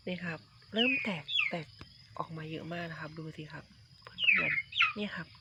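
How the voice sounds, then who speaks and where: Speaking at a moderate pace, a man with a high-pitched voice and huge pitch swings shows his garden plants to viewers. He's a home durian grower vlogging outdoors in a rural garden, chatty and polite, often repeating himself and calling his viewers friends. The lo-fi phone recording sounds dull and carries loud outdoor noise, with roosters, chickens and crickets.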